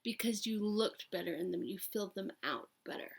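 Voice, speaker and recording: A woman in her late thirties chatting casually and candidly to camera, rambling and emphatic, with a raspy voice like a longtime smoker's. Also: mid-range voice, a little fast. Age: late thirties, almost forty. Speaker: vlogger talking to camera.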